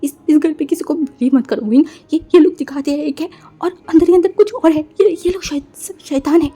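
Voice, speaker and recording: A woman's voice: sits high, moderate pace, warm tone, pitched above the performer's own voice, close to an everyday voice. A woman voicing a frightened young man who pleads through tears, stammering and repeating words. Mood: terrified. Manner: sobbing, stammering pleas.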